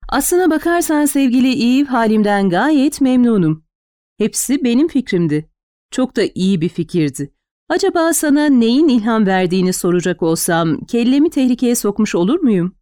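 A woman's voice: fairly high pitch, animated, moderate pace, mellow, dry recording, pitched above the performer's own voice, lightly acted. A woman reading the part of a wealthy, teasing adult man in an audiobook, with dry playful wit.

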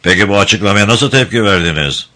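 A man's voice: fairly low pitch, a little fast, sharp tone. A man voicing a stern male court official who questions a witness in a formal, probing way. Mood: questioning.

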